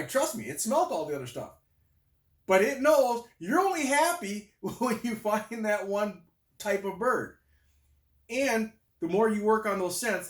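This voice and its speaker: Man, dog trainer, folksy casual explaining, roomy echo. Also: a little high. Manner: folksy, talks to a dog with firm short commands. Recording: roomy echo, voice heard from afar.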